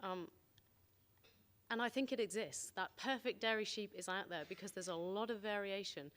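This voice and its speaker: A middle-aged woman presents at a conference in a medium-pitched voice. Her delivery is informal and conversational, with keen enthusiasm for her subject. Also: moderate pace, a bit bright. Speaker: scientist giving a conference talk. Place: indoor conference venue.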